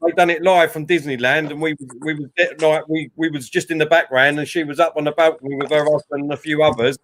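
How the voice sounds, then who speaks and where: A man's voice: on the high side, fast talker. A man, co-hosting a casual football watchalong, reading out chat messages and calling the match. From Isle of Dogs, East London. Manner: chatty, reads out viewer messages, breaks into excited calls on the match.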